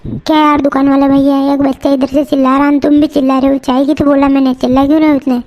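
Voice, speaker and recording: A woman's voice: sits high, flat delivery, fast talker, a little mellow, dull audio, lightly acted. A woman voicing a fussy grown-up male customer in a cartoon, who lectures and complains. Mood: preachy.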